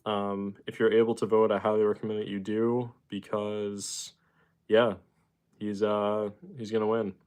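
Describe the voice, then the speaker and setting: A young man with a lowish, smooth voice chats casually on his livestream. He reads out viewer comments and greets chatters by name. He rambles along with plenty of ums and uhs. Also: a little slow. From Boston, Massachusetts. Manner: relaxed, rambling, many fillers, greets chatters. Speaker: livestream host.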